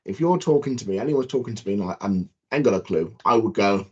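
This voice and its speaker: Husky man on dull call audio. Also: lowish voice, expressive, fast. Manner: explanatory, demonstrates his points. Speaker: guest presenter. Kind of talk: awareness talk to students.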